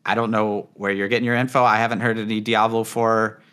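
Man, lowish voice, casual gaming talk, lots of fillers, trailing off. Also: little pitch movement, a little fast, clean tone. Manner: rambling, hedging with fillers, voice trails off quietly. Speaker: gaming channel host. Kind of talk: casual podcast chat.

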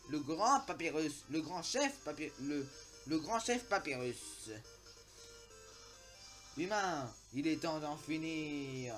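A man's voice: a little high, fairly bright tone. A man reading the lines of a vain, boastful skeleton in a pompous, theatrical way. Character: vain, boastful skeleton, grandly self-important.

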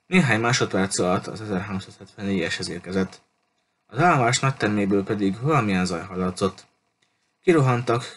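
A man reading a children's novel aloud in an unhurried storytelling manner, with small restarts. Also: lowish voice, slight background noise. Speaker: audiobook reader.

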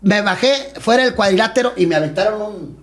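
A middle-aged man spins wild stories at a rapid clip. His voice sits high for a man, and he acts out quotes and drops in sound effects as he talks. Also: a bit bright. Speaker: guest, retired wrestler. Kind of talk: casual storytelling interview.

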